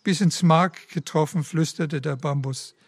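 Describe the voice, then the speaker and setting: A male preacher gives a devotional talk at a very slow, reverent pace. His voice is a little high for a man. The recording is dry and close, with no room echo. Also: steady tone. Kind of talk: devotional talk with read-aloud story.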